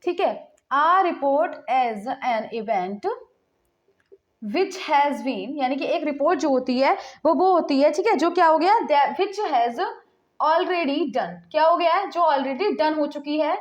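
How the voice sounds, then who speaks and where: High-voiced young woman teaching, repetitive. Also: measured pace, lo-fi sound. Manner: repetitive, checks in with "theek hai" constantly; mixes Hindi and English mid-sentence. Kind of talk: casual online lesson.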